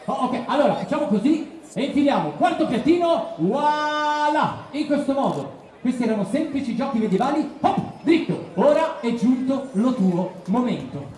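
A man's voice: very high voice, a little mellow, very echoey. A man performing as a street juggler, running a comic show with a child volunteer in a festival square, teasing and making mock-grand announcements. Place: outdoor town square at a festival. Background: crowd of onlookers.

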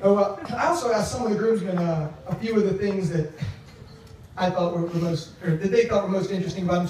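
Speaking through a handheld microphone over speakers in a large reception tent, the groom's young adult brother gives a humorous best-man toast, teasing and pausing haltingly as he tells stories. His voice is high-pitched and a little mellow, captured from a few metres away in a very echoey, distant, noisy recording.

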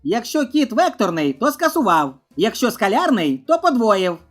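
Lively woman reading jokes over music. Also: a little high, normal speed. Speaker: joke narrator. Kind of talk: reading a string of short jokes.

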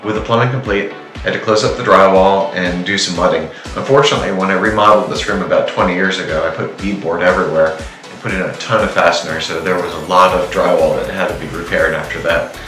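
A middle-aged home improvement vlogger films himself at arm's length inside his house, moving through the laundry and dining rooms as he narrates his renovation. He is chatty, self-deprecating and jokey in this casual DIY talk, with a deep, fast voice of fairly even intonation. The room is echoey, and music plays in the background.

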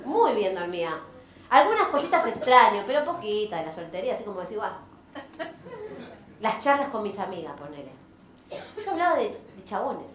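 A woman doing a stand-up comedy monologue with an animated, self-mocking delivery and a Rioplatense Argentine accent. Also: high voice, a little hiss or hum. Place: theater stage. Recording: roomy theater sound.

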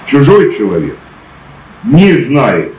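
A man's voice: mid-range voice, wildly swooping pitch, slow, darkish tone. An older man, a local resident, arguing bluntly and insistently in an informal outdoor exchange. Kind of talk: informal argument. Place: outdoors at a columned porch. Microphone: camera a few metres away. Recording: noisy, echoey, distant outdoor pickup.

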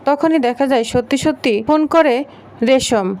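A woman narrating a quick recap of a TV serial episode, linking each exchange with "then she says". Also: high voice, a little mellow.

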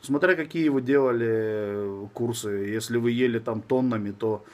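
A man's voice: medium pitch, moderate pace, a little mellow. A man in his thirties with a slushy, lisping s from braces, chatting casually and bluntly as a fitness coach answering viewers on a live stream. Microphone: phone at arm's length.

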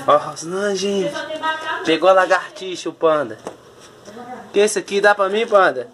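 A woman's voice: lowish voice, moderate pace, crowd noise. A woman, narrating a casual home video and coaxing her cat while she talks to the viewers. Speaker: pet owner filming her cat.

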